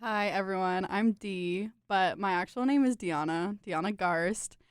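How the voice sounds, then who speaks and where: A woman's voice: mid-range voice, unhurried, smooth, no echo, clean studio sound. A young woman from Connecticut, a jazz saxophone student, chatting in a giggly way. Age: young adult. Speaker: saxophonist, guest. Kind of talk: casual interview chat.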